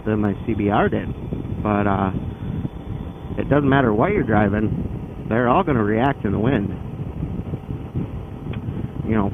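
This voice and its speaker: A man talking casually and a bit ramblingly, explaining things in a motorcycle vlog recorded outdoors on the bike. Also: on the low side. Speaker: motorcycle vlogger. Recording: phone-like band, loud wind and engine noise. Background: loud vehicle and outdoor noise.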